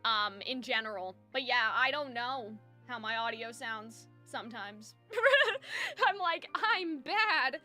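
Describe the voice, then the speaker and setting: Slow-paced and informal, a female host streams live from her soundproofed room at home, soft music playing faintly under her close-miked voice. It's very high and bright, rising further when she gets excited, as she giggles, rambles and uses slang chatting with viewers.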